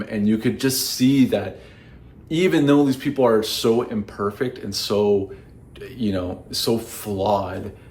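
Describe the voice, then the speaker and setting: A man talks through his favorite reads in a relaxed vlog, his voice low-pitched and his praise spilling out in gushing bursts. He drops the occasional curse word. A faint hiss sits beneath his voice. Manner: gushing and effusive, casually swears. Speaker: book reviewer. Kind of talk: casual book review vlog.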